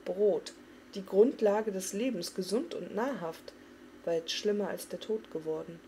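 A woman giving an expressive, dramatic reading of a fantasy novel. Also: medium pitch, normal speed, a little hiss or hum. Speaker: audiobook reader.

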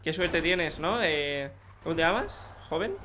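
A young man with a Spanish accent from Spain, commenting excitedly on his online game and joking with teammates. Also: a little high, unhurried, slight background noise. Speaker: gaming YouTuber. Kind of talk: live gameplay commentary.

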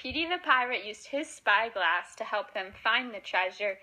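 Bright-voiced woman narrating a storybook. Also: a little high, expressive, normal speed, rough recording.

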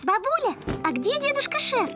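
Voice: very high voice, sing-song, moderate pace, over music. A voice actor playing an innocent, friendly little fluffy creature child in a children's cartoon.

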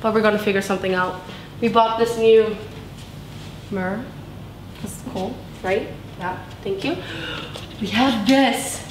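A woman's voice: mid-range voice, fairly even intonation, measured pace, long pauses. Young woman, casual vlog chat, rambling and upbeat, handheld camera, echoey room. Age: young adult. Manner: bubbly, rambling, lots of "like" and "so cool". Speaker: vlogger giving a house tour. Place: large tiled bedroom and bathroom indoors. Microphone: handheld camera, speaker moving around. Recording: echoey room with background noise.

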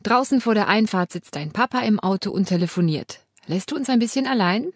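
Woman reader voicing calm firm woman, composed, dry sound. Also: mid-range voice, fairly quick, dry recording.

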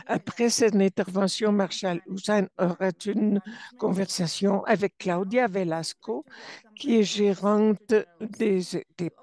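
A woman's voice: medium pitch, fairly even intonation, darkish tone, no room sound. Hesitant woman interpreting live. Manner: halting, frequent restarts and self-corrections. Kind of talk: simultaneous interpretation of a webinar.

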